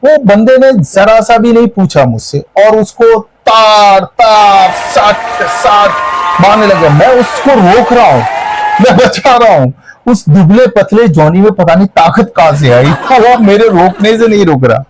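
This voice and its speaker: High-voiced young man telling comic stories. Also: unhurried, slight background noise, rough recording. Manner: animated storytelling with acted dialogue and sudden shouts. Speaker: stand-up comedian. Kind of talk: stand-up comedy storytelling. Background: audience laughter.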